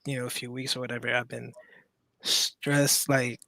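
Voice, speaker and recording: A man from Maryland calling in to tell a personal story, halting and full of restarts. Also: medium pitch, level tone, gravelly, pushed and bright, dry recording. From Maryland, USA. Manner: hesitant, halting, many restarts. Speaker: caller.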